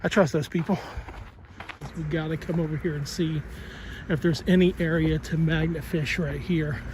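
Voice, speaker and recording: A man's voice: a little high, fairly even intonation, moderate pace, a little mellow, slight background noise. Chatty Midwestern man vlogging outdoors. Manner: chatty, laughs often, addresses viewers. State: winded, out of breath. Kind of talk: casual outdoor vlog narration. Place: outdoors by water and trails.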